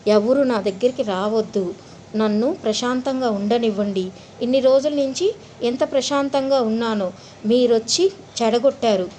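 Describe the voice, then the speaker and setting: A woman's voice: fairly high pitch, normal speed, warm tone, a little hiss or hum, close to an everyday voice. A woman voicing a possessed young girl who turns harsh and hostile in a horror story. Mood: angry. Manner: hostile, commanding.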